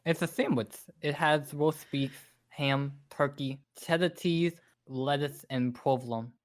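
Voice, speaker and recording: A woman dryly narrates what her character does in an actual-play tabletop game. Her voice is extremely low for a woman. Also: fairly even intonation, a little slow.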